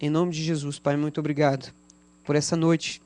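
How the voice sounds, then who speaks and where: A man's voice: a little high, little pitch movement, moderate pace, darkish tone, no room sound. A man with a Brazilian Portuguese accent, a pastor leading a spontaneous prayer in a church service, fervently calling on God and Father between every phrase.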